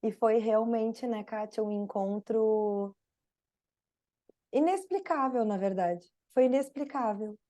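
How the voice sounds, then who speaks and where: A Brazilian woman with a Brazilian Portuguese accent speaks slowly in a fairly high voice. As a podcast guest in casual conversation, she tells a story warmly and uses lots of fillers.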